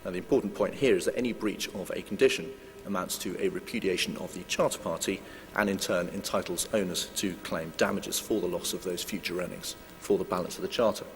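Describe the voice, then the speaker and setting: A man giving a formal legal presentation at a conference, measured and hedging, with frequent filler sounds. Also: low-pitched, faint music behind. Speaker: lawyer giving a conference talk. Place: conference hall. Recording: long hall reverb with faint hum.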